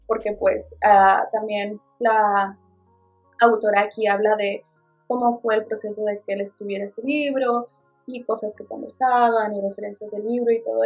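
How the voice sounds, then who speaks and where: A woman with a Mexican accent and a slightly high, slightly mellow voice chats casually and expressively about her reading as a book vlogger, throwing in playful asides.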